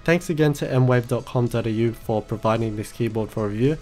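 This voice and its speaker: A man's voice: medium pitch, fairly quick, a little mellow. A man giving a scripted tech review narration in a matter-of-fact, explanatory way. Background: background music.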